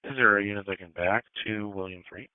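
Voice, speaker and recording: A male dispatcher talks to units over police radio with a tinny, narrow sound. His voice is on the low side and cleanly resonant, with procedural phrasing. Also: fairly even intonation, fairly quick, smooth, no room sound. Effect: police radio transmission. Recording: phone-like narrowband scanner audio.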